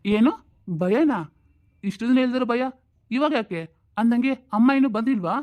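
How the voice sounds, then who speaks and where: A woman doing a low, casual husband. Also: normal speed, a little mellow, close to an everyday voice. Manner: casual, matter-of-fact, dropped into a low register. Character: grown man, husband, easygoing and brisk. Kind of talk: home-made family drama.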